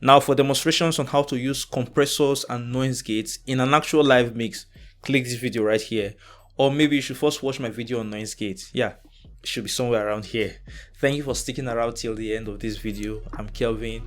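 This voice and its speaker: Man calmly explaining audio compression. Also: medium pitch. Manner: plain, unhurried explaining with frequent ums. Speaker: audio mixing tutor. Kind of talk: casual explanatory tutorial.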